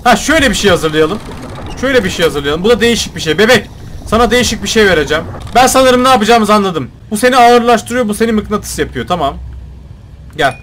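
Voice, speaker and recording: High, bright-voiced excitable young gamer guy. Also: fast talker, slight background noise. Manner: excitable, shouts and jokes at game characters. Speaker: gaming YouTuber. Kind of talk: let's play commentary.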